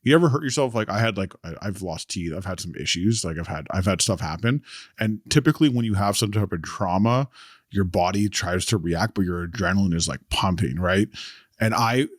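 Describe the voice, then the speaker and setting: A young man co-hosting a podcast, telling a story in a casual, animated way, swearing freely and acting out what others said. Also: low voice, a little fast, no room sound, clean studio sound. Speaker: podcast co-host. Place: lives in Calgary.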